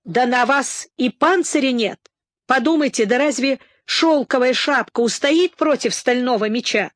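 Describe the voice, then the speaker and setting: A woman reading the lines of a quick-witted male jester who pleads and teases with proverbs in an audiobook. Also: high-pitched, no room sound, studio quality, voice pushed up. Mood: teasing.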